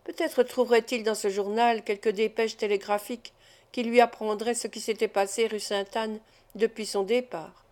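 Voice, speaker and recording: A woman narrates a nineteenth-century novel for an audiobook, in an even and measured storytelling voice. Her pitch sits a little above the usual. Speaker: audiobook reader.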